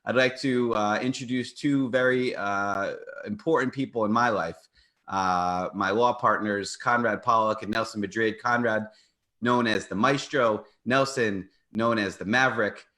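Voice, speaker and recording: A man's voice: lowish voice, steady tone, a little slow, pushed and bright. A man hosting a live legal radio show, talking in upbeat promotional patter. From United States. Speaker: host, personal injury attorney.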